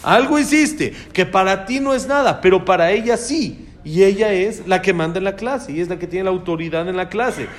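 A man's voice: high voice, normal speed, few pauses. Emphatic man teaching a religious class. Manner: emphatic, asks the class questions. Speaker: Torah teacher. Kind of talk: religious class on child education.

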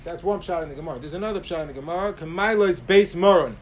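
A man speaking as a rabbi giving a sermon, with emphatic delivery that swings between raised stress and softer asides. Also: high-pitched, quick pace. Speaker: rabbi giving a religious talk. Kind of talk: sermon, Torah lecture with Hebrew quotations. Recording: clear background noise.

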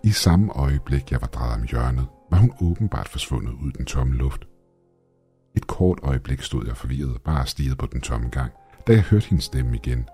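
Very deep, husky horror narrator, a man. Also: warm tone. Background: faint background music.

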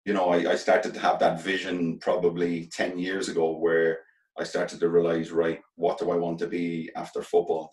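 A middle-aged man with a west of Ireland, Galway accent gives reflective interview answers. His voice is very low and fairly flat, and he is earnest, often repeating a phrase as he works out the thought. He sounds a little away from the mic in an echoey room. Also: recorded from a distance. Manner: earnest, halting, repeats phrases as they think aloud. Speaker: interview guest, former professional footballer turned coach.

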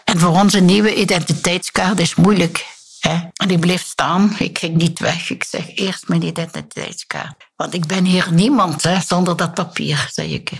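A woman's voice: fairly low pitch, steady tone, moderate pace, husky. An older Flemish nun, a former missionary, tells personal memories in an interview, acting out the dialogue as she goes and often tagging her sentences with a little "hè". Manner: vivid retelling with quoted dialogue and frequent tag "hè".

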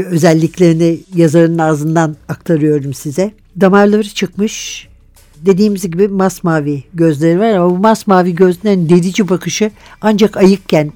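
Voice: medium pitch, warm tone, no echo. A radio host talking casually about a book and its author, chatty, with fillers and asides. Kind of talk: conversational book commentary.

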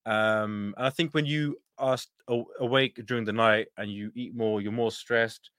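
A man's voice: lowish voice, fairly even intonation, normal speed, a bit bright, no room sound. Man chatting casually, close dry sound. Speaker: podcast guest. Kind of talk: casual conversation.

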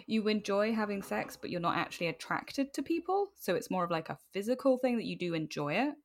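With a medium-pitched voice and a brisk pace, the British woman talks informally as an interview guest on a podcast. Her manner is animated and self-mocking, and she often slips into acted-out imaginary exchanges.

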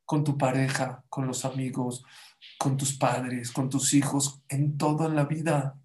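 A man's voice: medium pitch, level tone, a little slow, a little mellow. Emphatic man preaching, echoey room. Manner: emphatic, keeps asking the audience rhetorical questions. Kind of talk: motivational sermon to a live audience.

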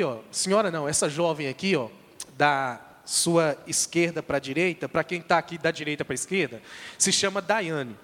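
A man with a Brazilian Portuguese accent and a high-pitched voice shares a testimony from the pulpit. He speaks emphatically, calling on the listeners directly. His voice rings with the long reverb of a large church hall. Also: fairly bright tone. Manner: emphatic, exhorting the congregation directly. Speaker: missionary giving testimony in church.

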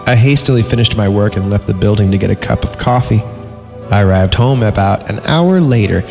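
A male podcast host with a lowish voice and vocal fry reads a creepy story at a fairly quick clip, mocking its drama with sarcastic, informal delivery and breaking into giggly comic asides. His voice is heavily reverberant over background music.

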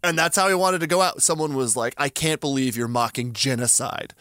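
Bright flippant podcast guy. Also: mid-range voice, fairly quick, no echo, studio quality. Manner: flippant, sarcastic. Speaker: podcast co-host. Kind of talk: casual podcast chat.

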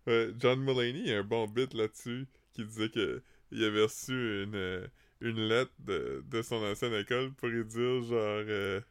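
A man's voice: lowish voice, fairly even intonation, normal speed, few pauses, clean tone, no room sound, clean studio sound. A man with a Quebec French accent in casual podcast chat, mixing English words into his talk.

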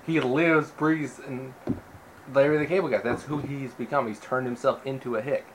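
A man co-hosting a casual podcast, blunt and sarcastic, dropping profanity freely. His voice sits at an ordinary middle pitch. There is a faint hiss of room ambience behind him. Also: fairly even intonation, moderate pace. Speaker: podcast co-host. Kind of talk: casual chat.

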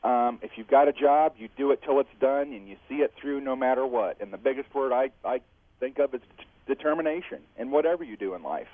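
A man's voice: medium pitch, fairly quick, no echo. Man calling in over a tinny phone line. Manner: reflective, heartfelt, chuckles between thoughts. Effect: heard over the phone. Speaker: radio caller. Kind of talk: call-in chat.

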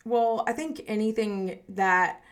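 A woman's voice: on the high side, slow. Chatty woman podcast co-host. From Southwest Arkansas. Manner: chatty, lots of "like" fillers, animated storytelling. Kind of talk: casual chat.

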